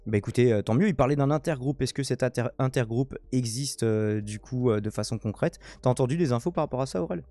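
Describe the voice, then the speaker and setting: A young man with a mellow, dark voice reads news aloud on his stream. He stops often to comment, with many fillers and restarts. The sound is dry and close. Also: mid-range voice, fast, few pauses, no echo, soft background music. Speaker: streamer host. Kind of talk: casual live commentary reading news.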